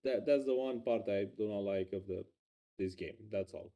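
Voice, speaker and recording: A man co-hosting a casual livestream, talking about game jam entries in a hesitant, halting way. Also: on the low side, muffled recording. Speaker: stream co-host reviewing game jam entries.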